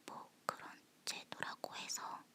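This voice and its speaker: Female ASMR host, leaning in to whisper, unhurried personal chat, crisp bright breath tone. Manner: soft close whisper, as if leaning in.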